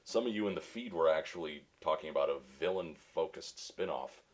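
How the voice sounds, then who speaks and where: A male voice actor with a very deep, resonant voice answers questions in a casual interview, showing dry wit. He talks a little fast with lively intonation.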